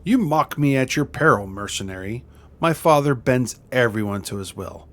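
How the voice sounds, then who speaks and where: A man's voice: mid-range voice, expressive, normal speed, natural voice. A man voicing a captured villainous noblewoman in a video game, haughty and defiant, sputtering grandiose threats. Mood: indignant, menacing.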